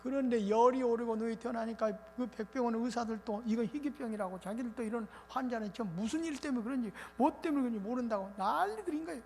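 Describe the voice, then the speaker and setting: A male pastor preaching a revival sermon in an animated, colloquial storytelling way. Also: very high voice, quick pace, creaky, hardly any pauses. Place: church sanctuary. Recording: reverberant church hall with faint noise.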